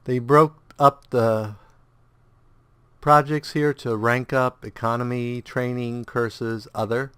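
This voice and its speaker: Slow and smooth, a medium-pitched male voice comes through a dry recording. He's a let's play host with a blocked nose and mildly sore throat, idly humming through menus and casually narrating his gameplay as he rambles along, thinking out loud.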